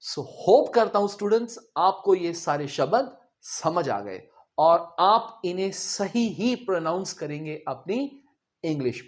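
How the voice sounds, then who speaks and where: Slow, lively-toned male pronunciation teacher. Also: high-pitched. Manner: drills words slowly by repetition. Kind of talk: classroom lesson.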